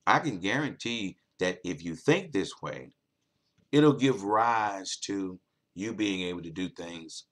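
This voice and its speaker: A man's voice: fairly low pitch, fairly bright tone. A man hosting a late-night talk show, delivering an earnest motivational monologue that repeats its key points for emphasis.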